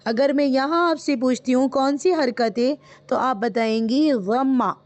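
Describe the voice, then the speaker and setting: A Quran reading teacher leads a live online class, patiently explaining and repeating each point before quizzing her students. Her voice sits high with a darkish tone.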